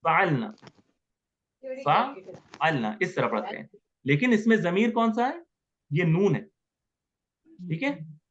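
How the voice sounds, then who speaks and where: A man's voice: high-pitched, very animated, measured pace, long pauses, lo-fi sound, a little hiss or hum. A man teaching Arabic grammar in an online class, patiently repeating words and asking students questions.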